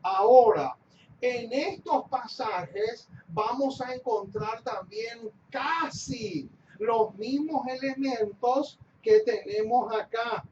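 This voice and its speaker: A man preaching a sermon, stressing key phrases by repeating them and speaking warmly to his congregation as his beloved. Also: sits high. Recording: dull lo-fi recording with faint noise.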